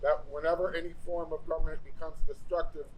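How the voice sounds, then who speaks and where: A man reading a historic document aloud at a ceremony in a measured, solemn manner. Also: fairly high pitch, flat delivery, poor audio. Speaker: ceremony reader. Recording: live event, faint background noise.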